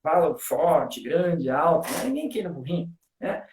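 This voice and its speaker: A man's voice: on the high side, big pitch swings, moderate pace, reverberant, noisy background. A man, a guest on a live stream, explains things eagerly in casual talk. He fills his speech with "né" and counts out rhythms aloud. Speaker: guest discussing literature.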